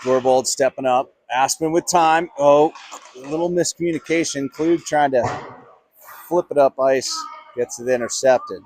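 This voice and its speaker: A man calling live play-by-play for a youth hockey game, chatty and easygoing, getting louder on big plays. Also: mid-range voice, a little slow. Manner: chatty, laughs often, rises in excitement on big plays.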